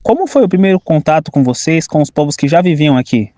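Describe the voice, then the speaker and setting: A man's voice: a little high, very animated, quick pace, mellow, no room sound. A young man interviewing on a school podcast, reading questions carefully.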